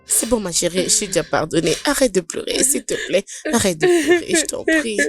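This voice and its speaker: An actress dubbing a gentle young woman who comforts and forgives a weeping friend in a film. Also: mid-range voice, big pitch swings, brisk, husky, faint music behind. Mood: forgiving. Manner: soothing, pleading. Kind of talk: French dub of a film.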